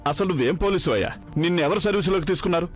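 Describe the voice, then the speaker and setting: A man's voice: high voice, very fast, lightly acted. A man playing an arrogant, stubborn police sub-inspector who speaks curtly and with threats, in a TV serial with background music. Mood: defiant. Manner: curt, threatening.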